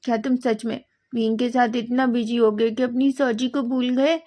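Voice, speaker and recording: Loud, higher-pitched scolding sister-in-law, voiced by a woman narrator in a storybook reading. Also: little pitch movement, normal speed, lightly acted. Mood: bossy. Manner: shouting, scolding.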